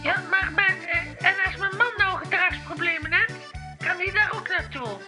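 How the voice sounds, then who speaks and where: A woman's voice: very high-pitched, moderate pace, over music. A woman playing a giggly radio show caller. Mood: rambling. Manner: rambling, giggly, full of hesitations. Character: smitten female radio caller, gushing fan of a singer. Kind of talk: comedy radio sketch acting.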